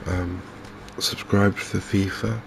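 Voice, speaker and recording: An English gaming video host with a deep voice delivers quiet, unhurried, somewhat hesitant commentary in an ASMR style as he plays. A steady background noise can be clearly heard.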